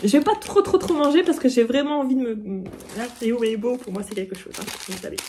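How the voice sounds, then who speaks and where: Bubbly excitable woman vlogger. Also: a little high, fast talker, slight background noise. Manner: bubbly, excitable, bursts into giggles. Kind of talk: casual unboxing vlog.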